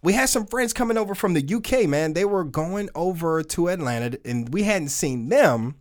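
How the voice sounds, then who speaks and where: A podcast co-host chats loosely and laid-back into a podcast mic during a live stream, swearing casually. His voice is high-pitched and animated, at normal speed.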